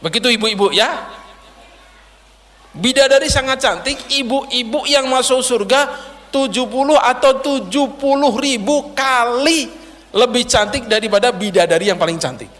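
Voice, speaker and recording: A man's voice: very high-pitched, moderate pace, a bit bright. A man preacher telling a dramatic sermon story in a prayer hall, addressing the audience directly. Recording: long hall reverb.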